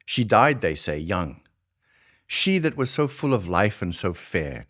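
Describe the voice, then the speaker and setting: A man's voice: deep voice, very animated, measured pace, a bit bright, full character voice. A man doing an old Afrikaner storyteller. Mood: solemn, wry. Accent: heavy Afrikaans South African. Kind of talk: dramatic reading of a short story.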